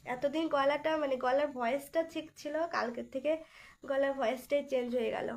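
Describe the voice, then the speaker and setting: Young female streamer, high-pitched, throat sore from illness; casual, teasing chat with viewers. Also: steady tone, a little fast, a little mellow. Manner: chatty, teasing, greets viewers by name. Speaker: live stream host.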